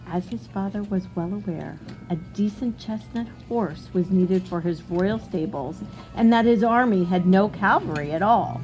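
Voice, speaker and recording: Reading a storybook aloud in a teacherly, expressive and instructive way, a woman stops to ask questions of young listeners. Her voice is medium-pitched and the audio quality is poor.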